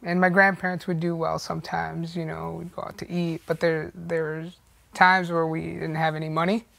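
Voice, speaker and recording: A man from El Salvador, a teacher and boxer, recalls his childhood in a reflective interview. His voice is gravelly and fairly even in pitch. He often fills his pauses with "like" and "um," and the recording is dry. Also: no echo. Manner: reflective, with fillers like "like" and "um". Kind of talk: personal storytelling interview.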